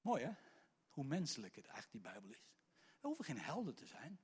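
A male preacher, telling a story in a lively sermon and swinging between hushed and loud delivery with stammering restarts. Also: medium pitch, fairly quick, husky.

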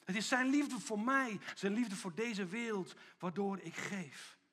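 Pastor, male, high husky voice, builds to loud emphasis then drops to a hush. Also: unhurried. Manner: preaching with big swings between loud emphasis and hushed, intimate lines. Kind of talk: sermon.

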